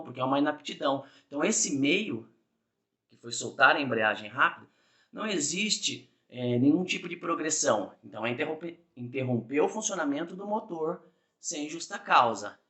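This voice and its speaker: A man's voice: fairly high pitch, animated, normal speed, bright, forceful tone. A man with a Brazilian Portuguese accent, a driving exam instructor giving a conversational video lesson, often checking in with "tá?" and acting out small examples. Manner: conversational, frequent "tá?" tag questions; acts out examples with small voiced asides.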